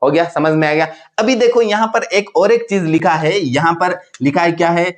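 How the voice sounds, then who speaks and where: A man teaching a chemistry class, voice sitting a little high for a man. He keeps checking that his students follow. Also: normal speed. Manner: questioning, repeats checks for understanding. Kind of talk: classroom explanation.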